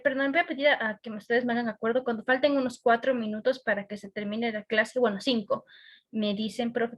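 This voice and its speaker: Ecuadorian lady teacher on a video call, bit high voice, keeps asking "ya?". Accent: Ecuadorian Spanish. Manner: patient, checks with "¿ya?" and "¿sí?". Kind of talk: online class teaching.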